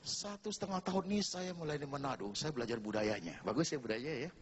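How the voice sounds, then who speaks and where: A man's voice: medium pitch, fast talker, slight background noise. A man preaching a sermon to his congregation, telling humorous stories and acting out the people in them. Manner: humorous, animated storytelling with mimicked voices. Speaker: pastor. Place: church.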